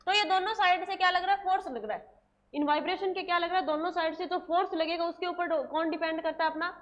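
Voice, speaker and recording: A high-pitched woman leads a coaching class, firing the same question again and again and answering it herself. She drops to a slow, spaced-out pace when she dictates English terms. The recording sounds a little muffled. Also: fairly bright tone. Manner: drills students with repeated questions and answers; slows right down to dictate English terms word by word. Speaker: nursing exam coaching teacher. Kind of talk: classroom lecture, dictating notes.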